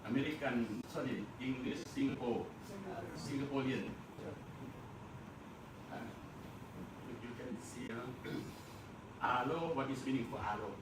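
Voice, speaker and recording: A man with a Burmese accent teaching an English class, speaking slowly, repeating words and chuckling often. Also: medium pitch. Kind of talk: classroom lecture. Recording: echoey classroom, mic far off, noisy.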